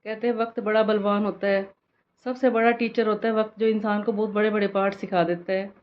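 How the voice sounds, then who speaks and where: A woman's voice: medium pitch, fairly even intonation, brisk. A woman, chatting to viewers directly in a casual family vlog. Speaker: vlogger. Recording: slightly dull phone audio with faint noise.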